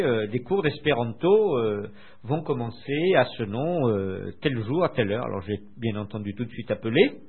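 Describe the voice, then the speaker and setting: An older French man being interviewed, recalling his past in a hesitant way with many filler pauses, heard over a tinny phone line. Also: mid-range voice, husky. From France. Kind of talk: recounting memories in conversation.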